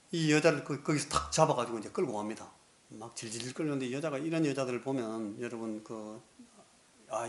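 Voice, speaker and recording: Male pastor, sermon, animated storyteller, acts out the scenes, mid-pitched. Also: slight background noise.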